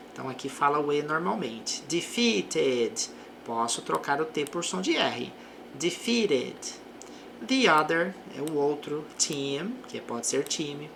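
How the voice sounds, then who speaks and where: A woman teaching an English lesson, reading example sentences slowly and then explaining them more quickly. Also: deep voice, creaky, a bit bright, slight background noise. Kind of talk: language lesson.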